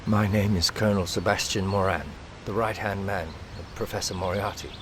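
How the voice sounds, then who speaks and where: Man playing a deep-voiced, vengeful colonel villain. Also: fairly even intonation, fairly quick, background noise, natural voice. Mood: grim. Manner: declamatory, grandiose. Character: bitter, vengeful henchman, a colonel mourning his master. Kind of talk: melodramatic radio drama monologue.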